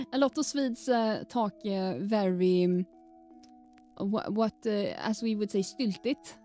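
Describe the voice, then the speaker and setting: Soft background music accompanies a Swedish-accented woman, a native Swedish speaker, chatting casually on a live stream. Her medium-pitched, dark voice takes things slowly with frequent pauses as she rambles, fumbles her words and laughs often.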